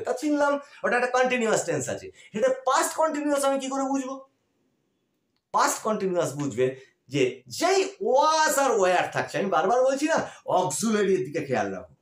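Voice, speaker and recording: Guy teaching grammar, high voice that jumps around a lot, keeps asking and answering his own questions, echoey room. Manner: explains step by step, asks questions and answers them himself; checks in often with short confirming questions. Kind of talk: grammar lesson for students.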